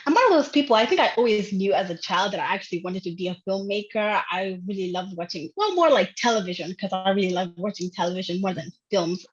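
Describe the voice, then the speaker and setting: A young woman from Uganda talks over a video call, loose and chatty, with plenty of fillers. Her pitch sits in the middle of the range. The call audio is dull and lo-fi. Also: lively intonation, fast, few pauses. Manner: chatty, many fillers, laughs often. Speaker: filmmaker guest.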